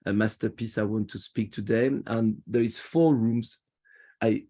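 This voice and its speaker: Tour guide, male, Parisian French accent, low mellow voice, chatty over video call. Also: fairly even intonation, unhurried. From France. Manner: friendly, chatty, restarts phrases. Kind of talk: virtual museum tour talk.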